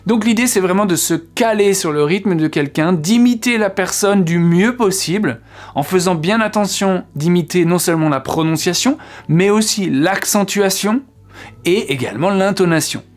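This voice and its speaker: A man's voice: high-pitched, normal speed. A man giving an explanatory video lesson as an English teacher, patiently repeating words to show how they sound.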